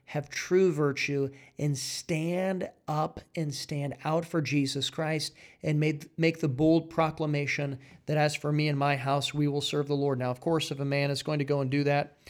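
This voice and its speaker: With a fairly high-pitched voice, a man delivers a fiery sermon, exhorting forcefully. He repeats phrases and climbs to rising, emphatic peaks.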